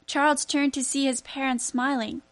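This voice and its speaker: High-voiced woman reading a storybook. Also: little pitch movement, moderate pace. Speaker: narrator. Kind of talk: storybook read-aloud.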